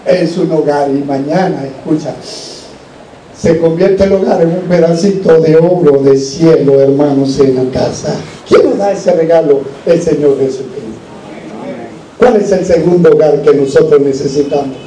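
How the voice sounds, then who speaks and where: A man preaches an evangelical sermon to a church congregation, urging them on with rhetorical questions and repeated phrases. His voice is a little high and mellow at normal speed, picked up by a distant microphone in a large room with a roomy echo.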